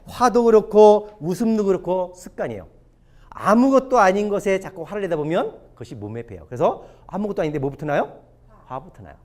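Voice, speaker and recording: A male pastor giving a lively sermon lecture to an audience, often putting questions to them. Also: high voice. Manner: animated, asks the audience questions. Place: church or hall lecture before an audience.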